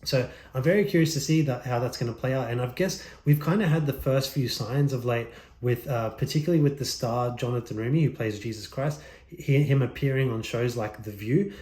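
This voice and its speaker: A man's voice: medium pitch, fairly quick, darkish tone. A man giving an unscripted opinion monologue to viewers as an online commentator, pensively thinking aloud and often rephrasing as he goes. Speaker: YouTube commentator. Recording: echoey, roomy sound.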